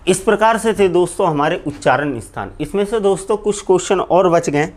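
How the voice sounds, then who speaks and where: A man with a somewhat high voice teaches Hindi grammar to exam students in a live online class. He keeps asking questions aloud and answering them himself. His answers come out lower and slower than his questions. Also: animated. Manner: keeps repeating "friends" to address students; drops low and slow on each answer.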